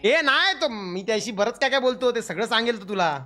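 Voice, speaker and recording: A man's voice: very high voice, lively intonation, brisk, sharp tone, soft background music. A man hosting a live stream in casual, bossy, joking banter, throwing in English words. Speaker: gaming streamer.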